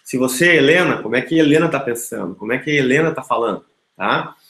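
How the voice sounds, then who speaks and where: A man giving an informal coaching lesson, talking straight to the listener and ending many phrases with quick checking tags. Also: medium pitch, expressive, a bit bright. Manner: direct, addresses listener, frequent "tá?" and "né?" tags. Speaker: NLP coach. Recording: echoey room.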